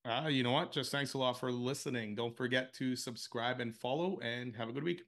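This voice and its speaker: Male podcast co-host, bright and forceful tone, relaxed, hesitant delivery. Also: medium pitch, fairly quick. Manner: easygoing, hesitant with many uh fillers. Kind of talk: casual sports chat.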